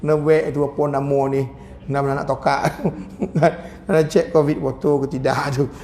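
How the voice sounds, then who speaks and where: A man with a Malaysian accent giving a lively mosque lecture as a religious teacher, joking and acting out voices. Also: mid-range voice, unhurried. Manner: animated, jokey, acts out voices.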